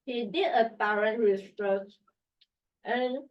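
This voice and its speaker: A woman with a sick voice, clearing her throat, reading an academic paper in at a lecture-room symposium. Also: a little high. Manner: reads a prepared paper, measured. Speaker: academic presenter. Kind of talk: conference paper presentation. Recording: distant, dull room mic.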